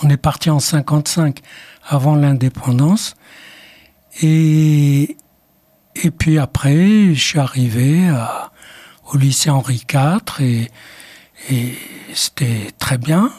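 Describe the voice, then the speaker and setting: With a slightly high, somewhat mellow and slightly rough voice, an older man answers radio interview questions thoughtfully and haltingly. He's a Moroccan psychoanalyst who grew up speaking Arabic, and he pauses to restart as he reflects.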